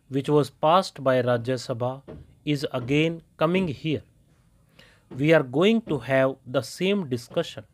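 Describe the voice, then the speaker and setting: A man reading a parliamentary speech aloud as shorthand dictation, measured and even, phrase by phrase. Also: medium pitch. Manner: measured, evenly paced phrase by phrase.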